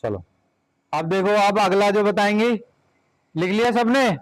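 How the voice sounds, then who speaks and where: High-voiced male teacher directing a class. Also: a little slow, a little hiss or hum, rough recording. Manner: directive, repeats short commands. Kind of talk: classroom instruction to children.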